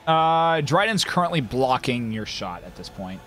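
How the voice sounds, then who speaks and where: A man game master talking over online group voice chat, with a medium-pitched voice. He narrates loosely and fills gaps with "um" and "like". Faint music runs underneath. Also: big pitch swings, normal speed, a bit bright. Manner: loose narration, many fillers. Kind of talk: running a tabletop game.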